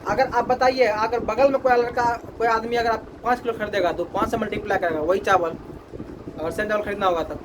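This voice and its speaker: A man's voice: high voice, fairly even intonation, brisk, background noise. A man teaching a maths class, repeating his questions to the students and drilling the answers.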